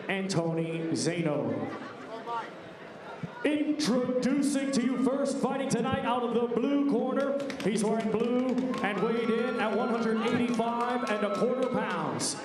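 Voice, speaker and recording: Booming, high-pitched male lucha-style ring announcer. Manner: booming, drawn-out, theatrical bilingual announcing. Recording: echoing arena PA, distant, crowd noise.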